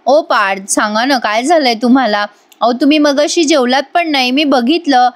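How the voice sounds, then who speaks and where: A talkative young wife pleads and pesters, piling up questions for her silent husband, as a woman reviewer acts her out. The voice sits high and lively, with an insistent, coaxing push. It is serial dialogue retold in a plain voice-over. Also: normal speed, close to an everyday voice.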